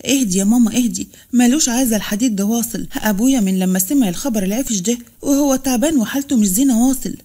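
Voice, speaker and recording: A woman voicing a gentle young Upper Egyptian girl. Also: fairly high pitch, rapid-fire, hardly any pauses, natural voice. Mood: pleading. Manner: soothing, pleading.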